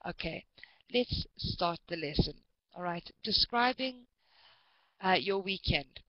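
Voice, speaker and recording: A woman's voice: on the low side, lively intonation, slow, no room sound, dull audio. A woman from South Africa teaching English to a large online class, patient and encouraging, often repeating students' names.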